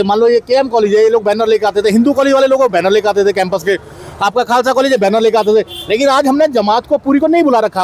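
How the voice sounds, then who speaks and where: A union president fields a reporter's questions at a street-side outdoor protest, pressing his points again and again in this impromptu interview. His voice is extremely high with a darkish tone, and there is slight background noise.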